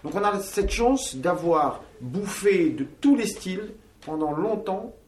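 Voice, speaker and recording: Band member from Algeria, male, slightly higher voice, chatty and halting, recorded roomy and off-mic. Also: expressive, a little mellow, a little hiss or hum. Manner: talkative, searching for words with many fillers. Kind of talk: interview answers. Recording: roomy, from a distance.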